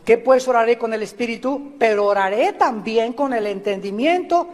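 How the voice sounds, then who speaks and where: A man's voice: very high-pitched, moderate pace. A man preaching a sermon, emphatic and mixing in humorous anecdotes. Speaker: pastor. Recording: long reverb of a large hall.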